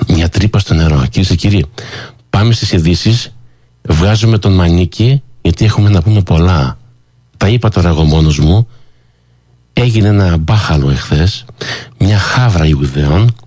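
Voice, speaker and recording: A man hosting a talk show who tells a story with animated commentary and acts out the people he quotes in a higher voice. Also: long pauses, husky, dry recording. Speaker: radio show host.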